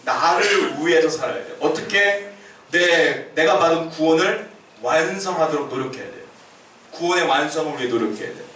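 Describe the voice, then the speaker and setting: A man's voice: a little high, expressive, moderate pace, a bit bright, slight background noise. A male pastor giving a sermon in a conversational, storytelling manner, recorded in a church sanctuary. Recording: echoey church hall from far off.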